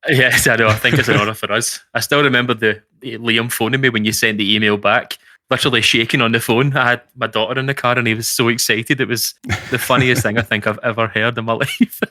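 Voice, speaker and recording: A man's voice: medium pitch, steady tone, fast talker, sharp tone, no echo. A man co-hosting a podcast, chatting casually with a guest. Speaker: podcast co-host. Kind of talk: casual conversational interviewing.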